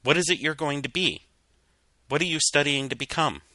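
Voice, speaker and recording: A man's voice: fairly high pitch, normal speed, pushed and bright, no room sound, studio quality, voice pushed up. A man playing a melancholy, plain-spoken male pony who runs a doughnut shop, in a storybook reading. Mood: doubtful.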